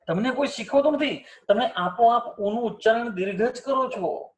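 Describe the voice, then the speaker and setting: A man's voice: very high-pitched, normal speed. A man teaching a spelling lesson, asking students questions and repeating example words to drill pronunciation. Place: teaching setup with screen and cursor.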